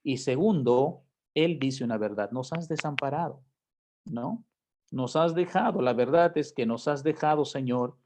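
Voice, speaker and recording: A man preaching a Bible class, moving from soft talk to loud, impassioned quoted lines. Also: medium pitch, unhurried, a little hiss or hum. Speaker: pastor teaching a Bible class.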